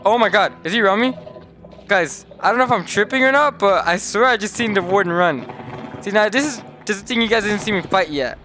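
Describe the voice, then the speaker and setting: A young man gives casual commentary as he plays, excitable and chatty, talking straight to his viewers. His voice sits high for a man. A faint hum runs under the recording. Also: fairly quick. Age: young adult. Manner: excitable, talks to viewers as "guys", exclaims "oh my god" often. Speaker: gaming YouTuber. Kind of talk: casual Let's Play commentary.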